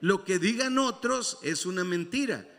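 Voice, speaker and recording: A man preaches in a church, his voice pitched high for a man. He repeats his key lines and calls on the congregation to respond. A long reverb from the sanctuary trails every phrase. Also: lively intonation, a little slow, fairly bright tone. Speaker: pastor. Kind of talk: sermon.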